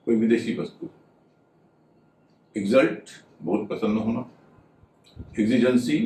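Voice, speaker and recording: A man gives a methodical video lesson on pronunciation, spelling words out letter by letter. His voice sits at an ordinary pitch and sounds a little off-mic. The room is echoey, with a faint hum behind him. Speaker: English pronunciation teacher. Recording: roomy, slightly distant mic with faint ambience.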